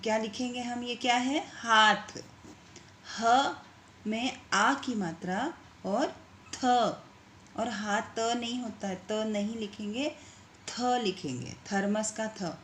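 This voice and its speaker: Woman teacher, middle pitch, very slow and patient, drawn-out syllables for small kids, faint hiss on the line. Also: a bit bright, echoey room. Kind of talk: online class lesson.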